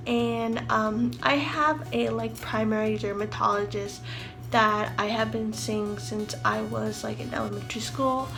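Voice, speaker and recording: Mid-twenties female vlogger, fairly high voice, slight retainer lisp, chatty and informal, music playing behind. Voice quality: slightly lisped speech from wearing a retainer. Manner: chatty, loose, peppered with "like". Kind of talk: casual video diary to camera. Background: clear background music.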